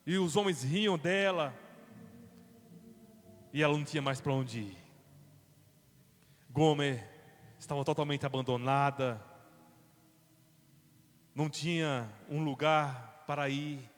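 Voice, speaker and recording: A man with a Brazilian accent, a pastor telling a Bible story in a sermon, dramatic, moving from quiet to loud. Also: a little high, slow pace, pauses often. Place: church. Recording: long church reverb.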